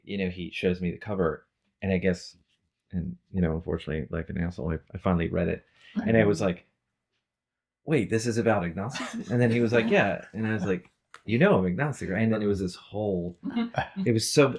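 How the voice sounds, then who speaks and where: A man's voice: deep voice, fairly quick. A man co-hosting a podcast, telling stories animatedly in a casual chat, swearing freely and acting out what people said. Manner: animated storyteller, swears freely, acts out quotes. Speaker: podcast co-host.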